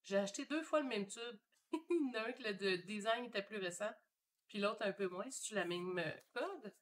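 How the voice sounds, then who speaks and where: A woman with a Québécois French accent paints live from her home studio, chatting casually and thinking aloud with lots of fillers. Her voice sits in the mid-range at a normal speed. She's a relaxed, chatty painter hosting a live stream.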